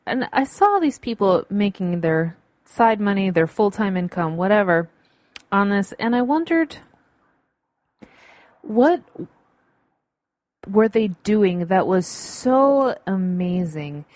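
A woman's voice: on the low side, dry recording. A woman hosting a solo podcast, giving casual advice in an upbeat, chatty, emphatic way. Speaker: podcast host. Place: home room with windows open.

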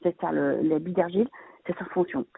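This woman, of Vietnamese heritage and living in France, is a guest expert and interior plant decorator explaining how to care for plants. Her voice is on the low side, gravelly and slightly rough, with fairly even intonation and a fairly quick pace, yet she hesitates, restarts, and fills pauses a lot. The sound is dry and phone-like narrow.

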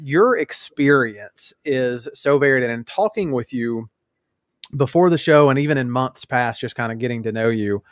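A man's voice: mid-range voice, moderate pace, no room sound, clean studio sound. A man hosting an interview show, speaking with rambling enthusiasm. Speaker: host. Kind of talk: casual interview talk.

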